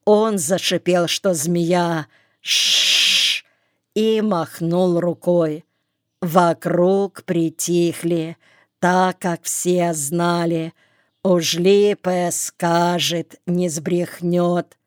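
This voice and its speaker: Slow, flat-toned woman reading a novel. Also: on the low side, clean tone, no room sound, studio quality. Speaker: audiobook reader. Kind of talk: scripted narration.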